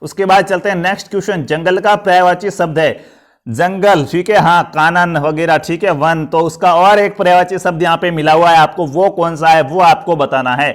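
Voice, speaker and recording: High-voiced man teaching a grammar class. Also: moderate pace. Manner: asks questions and answers them himself, encouraging. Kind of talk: live online grammar class.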